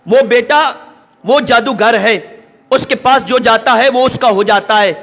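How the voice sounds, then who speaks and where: A man preacher voicing a poor widowed mother who begs her son, in a soft pleading tone. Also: very high voice, exaggerated voice. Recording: long hall reverb.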